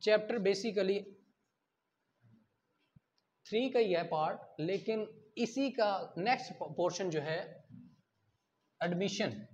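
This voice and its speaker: Speaking slowly with frequent pauses, this law teacher has a high-pitched, slightly mellow voice and a Pakistani accent. He uses examples, answers questions he asks himself, and code-switches into English terms, heard on dull lo-fi lecture audio.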